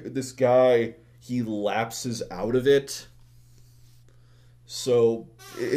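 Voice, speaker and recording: Young guy ranting about a bad movie, slow and draggy, swears a lot, keeps restarting sentences. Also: fairly low pitch, a little mellow. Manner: profane, rambling, exasperated, many restarts. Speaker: movie reviewer.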